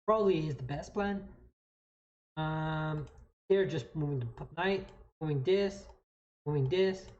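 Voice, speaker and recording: A native French speaker from New Brunswick, Canada, with a French Canadian accent, casually explains chess moves on a live stream, halting and repeating phrases as he thinks aloud. His voice is medium-pitched with a darkish tone, and the audio is dull.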